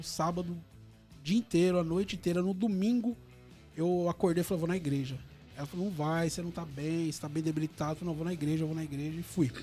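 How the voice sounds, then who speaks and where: Brazilian male radio guest; high, rapid, animated storyteller at a studio mic. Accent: Brazilian Portuguese.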